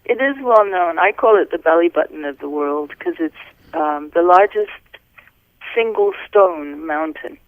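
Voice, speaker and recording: Middle-aged woman from Wales, guest calling in by phone: soft, unhurried, smooth-voiced, tinny line. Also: fairly low pitch, no echo. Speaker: podcast guest, physician. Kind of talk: casual interview talk.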